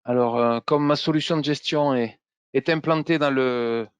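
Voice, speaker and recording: A man from south-west France with a Toulouse accent, presenting business software in a webinar. His voice sits at a medium pitch and he speaks hesitantly, with frequent fillers and restarts. The recording is dry, with no room sound. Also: moderate pace, clear, resonant tone, no echo. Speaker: consultant trainer presenting software.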